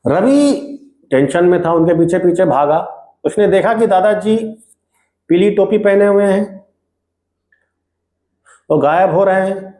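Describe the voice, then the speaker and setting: A male teacher retelling a textbook story in a casual lesson, often pausing to check in with his listeners. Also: high voice, warm tone. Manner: casual storytelling with frequent check-ins like "okay". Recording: echoey room.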